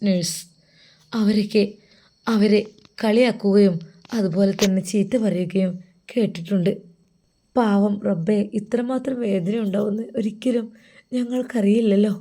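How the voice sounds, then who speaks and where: A woman's voice: mid-range voice, mellow. A woman narrating a devotional family story in an earnest, emotional storytelling manner.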